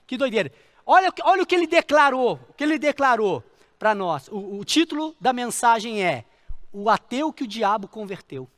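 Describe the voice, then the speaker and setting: A middle-aged man, preaching a sermon as a pastor and telling a story with lively repetition. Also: very high voice, moderate pace, big-room sound. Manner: animated storytelling, repeating phrases for emphasis.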